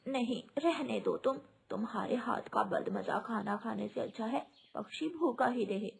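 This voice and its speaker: A woman's voice: on the high side, measured pace, gravelly. A woman voicing a harsh, bossy old mother-in-law bird in a cartoon, sneering and cutting as she scolds. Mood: scornful.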